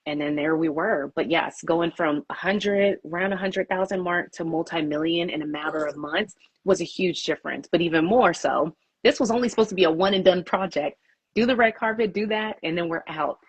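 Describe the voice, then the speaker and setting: A woman's voice: on the low side, brisk, husky, no echo. A woman publicist answering interview questions, emphatic and repeating her key points.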